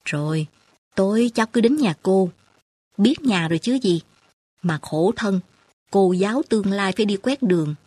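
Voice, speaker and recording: A kindly middle-aged woman street sweeper speaks in a husky, homely tone, as a female narrator puts her on. She is practical and reassuring. The storybook reading is close and dry. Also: medium pitch, lively intonation, normal speed, pauses often, mellow, no echo.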